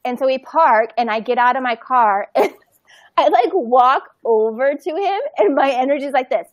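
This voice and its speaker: A woman in her thirties chatting casually as a podcast co-host, telling an animated story, acting out the voices in it and laughing often. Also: sits high, moderate pace, no room sound, highs cut off.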